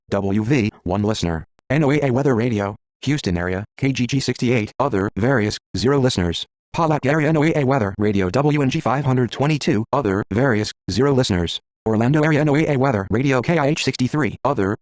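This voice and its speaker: A synthetic male text-to-speech voice acts as a screen reader, reading list entries in a flat, automated way. It's mechanical and clipped, pronouncing letters and numbers evenly, with a mid-range, darkish tone in a dry recording.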